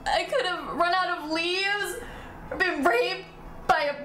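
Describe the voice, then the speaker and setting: Actress as a giggling bride, unhurried, for a comedy web series. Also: female voice, very high-pitched, sharp tone, full character voice. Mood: giggly. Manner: giggling through her words. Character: giddy young bride on her wedding day. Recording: roomy, noisy amateur recording.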